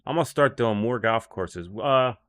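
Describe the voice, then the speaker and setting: Guy golf instructor rambling on his livestream, blunt and kinda scornful, mid pitch. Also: normal speed, a bit bright. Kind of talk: casual livestream chat.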